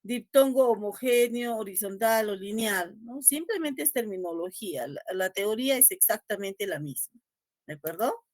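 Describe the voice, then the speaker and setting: A woman teacher leads an online class, her voice a touch high and recorded dry and close. She is patient and repeats her key points. She ends many phrases with a rising check-in to her students. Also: a little mellow, no echo. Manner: checks in constantly with a rising tag question.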